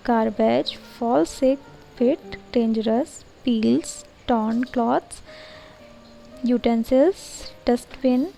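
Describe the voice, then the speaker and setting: Young Indian woman, high voice with a mellow tone; steady, instructive tutorial presenter, faint music underneath. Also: creaky, rough recording. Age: young adult. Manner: steady, instructive, reads English lines slowly and deliberately. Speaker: education channel presenter. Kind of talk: explanatory tutorial voice-over, Hindi mixed with English.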